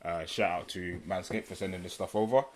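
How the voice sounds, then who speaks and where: Lower-pitched London man, casual podcast co-host. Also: fairly even intonation, a little fast, crowd noise. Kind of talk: casual chat.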